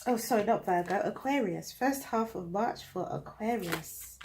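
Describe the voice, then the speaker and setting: A British woman gives a tarot reading to camera, chatting and thinking aloud, her nose blocked up from a cold. Her mid-range voice is animated, her pace moderate, and the background is noisy.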